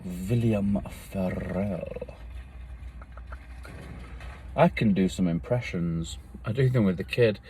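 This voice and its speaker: Low-voiced rambling man. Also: animated, moderate pace, hardly any pauses, a little hiss or hum. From England. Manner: meandering, reflective, trails off softly. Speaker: vlogger. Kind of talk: rambling solo monologue.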